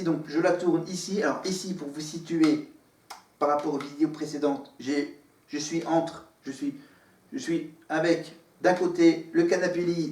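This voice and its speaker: Here the same kind of living-room vlog plays out: a man with a highish, somewhat mellow voice rambles casually to camera, stumbling through fillers and restarts. A green screen stands behind him, and the distant mic picks up plenty of room echo.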